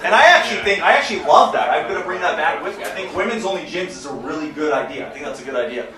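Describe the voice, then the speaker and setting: A man's voice: fairly high pitch, rapid-fire, far from the mic. A man performing a crude, brash stand-up comedy set on a club stage. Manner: brash, crude, animated storytelling. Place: comedy club stage before a live audience. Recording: roomy club sound from off-mic, loud crowd laughter.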